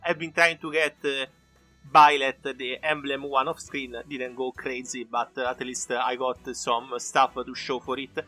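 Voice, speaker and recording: A man's voice: medium pitch, flat delivery, measured pace, sharp tone, faint music behind. A man hosting a gaming video, giving casual showcase commentary.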